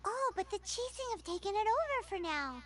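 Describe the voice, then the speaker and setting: A woman voicing a tiny, excitable female companion who talks in chirpy, blunt quips. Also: very high-pitched, full character voice. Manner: chirpy, exclamatory, quick quips. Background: faint game music.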